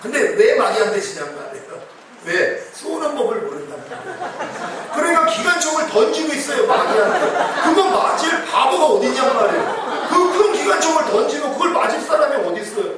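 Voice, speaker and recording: High, lively preaching man in echoey hall. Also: fairly quick, very noisy. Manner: emphatic preaching, acts out quoted prayers. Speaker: pastor. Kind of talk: revival sermon. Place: church hall. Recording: very echoey hall, distant mic.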